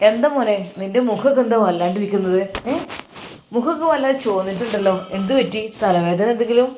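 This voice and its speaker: Woman doing a soft coaxing old dad, malabar accent, middle pitch, pleading gently. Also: quick pace, a little hiss or hum, natural voice. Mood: tender. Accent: Malabar Malayalam. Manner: tender, coaxing, fatherly pleading.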